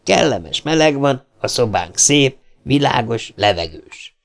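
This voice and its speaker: A man voicing a calm, wry male astronaut who speaks reassuringly. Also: medium pitch, gravelly.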